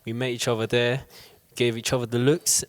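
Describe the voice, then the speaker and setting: A man giving a steady account as an interview guest. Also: mid-range voice, a little fast, dry recording. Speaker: crew member guest. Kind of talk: casual storytelling. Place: small DIY studio.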